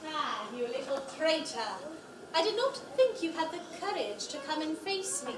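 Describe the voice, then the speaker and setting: A woman's voice: sits high, very animated, moderate pace. An actress playing a haughty, cruel witch queen in a live children's stage play, with a sneering, theatrical manner. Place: library event room. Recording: echoey room from far off, noise.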